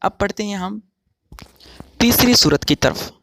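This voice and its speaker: A man's voice: sits high, expressive, vocal fry, pushed and bright, no room sound. Methodical male English tutor. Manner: slow, methodical explaining with drawn-out examples. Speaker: English teacher. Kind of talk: recorded pronunciation lesson.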